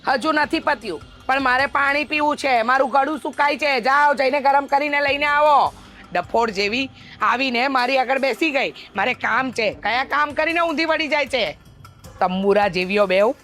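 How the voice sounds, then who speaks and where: A woman acting a bossy, sharp-tongued mother-in-law in a family drama who scolds loudly and mocks. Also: high-pitched, moderate pace, faint music behind. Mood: scolding. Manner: scolding, loud, mocking.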